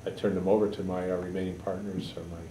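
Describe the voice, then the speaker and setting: A man in his sixties from Connecticut, a political candidate giving halting, measured answers in an editorial board interview. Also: deep voice, flat delivery. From Connecticut, USA. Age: 60s. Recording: echoey room, mic far off, background noise.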